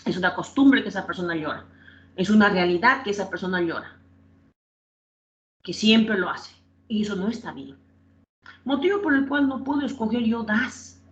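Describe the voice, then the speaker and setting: A woman with a medium-pitched, expressive voice teaches an English class at normal speed with long pauses. She patiently explains grammar, repeats points, and quizzes students by name. The sound is roomy, distant, dull, and lo-fi.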